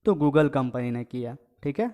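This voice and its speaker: A man's voice: medium pitch, animated, moderate pace, a little mellow. A man teaching an exam-prep quiz lesson, reading each question and its options aloud, then giving and repeating the answer with frequent "okay" checks to his viewers. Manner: addresses viewers as friends and guys.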